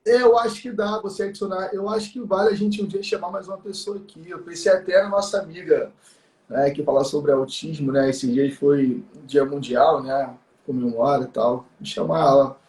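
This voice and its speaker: A man's voice: a little high, steady tone, moderate pace, darkish tone. A man chatting casually on a live stream as co-host, rambling with lots of fillers and tag questions. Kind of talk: casual chat. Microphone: live stream call mic. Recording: echoey room.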